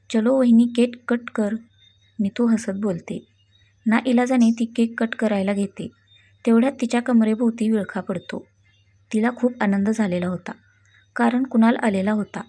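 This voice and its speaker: A woman's voice: fairly high pitch, warm tone. A woman narrating a romantic family story, reading every character's lines in nearly her own voice. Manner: reads all characters' lines in near-plain narrating voice.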